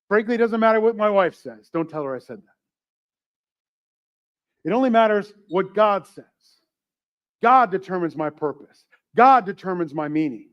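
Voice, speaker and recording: Male pastor, high-pitched, joking with the congregation mid-sermon; dull, lo-fi church livestream sound. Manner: joking, conversational, asks questions to the congregation.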